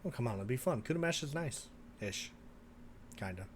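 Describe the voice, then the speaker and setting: A man's voice: medium pitch, lively intonation, moderate pace, a little hiss or hum, lightly acted. A man voicing a small, breezy woman bounty hunter in tabletop role-play, coaxing and cajoling.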